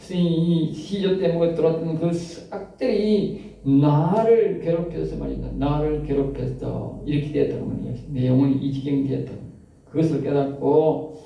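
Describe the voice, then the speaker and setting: A man preaching a lecture with a gravelly, darkly mellow voice, pushing his points with repetition and short questions to the room. He sounds set back from the microphone, with heavy echo around him in a large room. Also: distant mic. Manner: emphatic, repeats phrases and asks listeners 응? 알겠어요?; dramatic swings of pitch and loudness. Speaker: pastor lecturing. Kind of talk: sermon-style lecture. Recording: roomy echo, voice off-mic.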